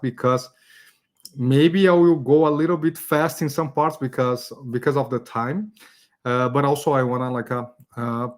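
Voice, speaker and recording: Chatty Brazilian-raised man hosting workshop. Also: mid-range voice. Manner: chatty, many fillers and "okay?" tags. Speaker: community event host teaching design. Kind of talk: casual live online workshop.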